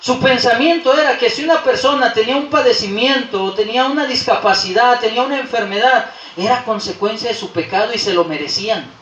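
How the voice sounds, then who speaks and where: A man preaching a Sunday sermon as pastor, impassioned, swinging between loud peaks and soft, low asides. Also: a little fast, hardly any pauses. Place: church sanctuary. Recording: roomy church hall, voice from a distance.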